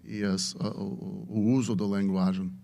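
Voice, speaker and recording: Speaking Portuguese though English is his native tongue, this US venture capitalist guests on a laid-back podcast, describing his experience while stumbling, searching for words and frequently starting over. His voice is warm, creaky and on the low side, a little slow, with little pitch movement.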